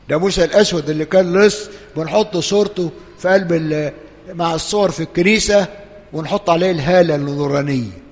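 A male priest with an Egyptian Arabic accent delivers an impassioned sermon, dropping to hushed urging and then rising to loud pleading. His voice sits fairly high for a man. A long reverb hangs behind every phrase, as in a large church. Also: fairly quick.

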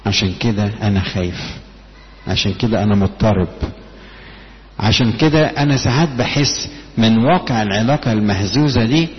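A man's voice: fairly low pitch, big-room sound, lo-fi sound, a little hiss or hum. A man with an Egyptian Arabic accent preaching a sermon in colloquial speech, quoting scripture and rising to emphasis.

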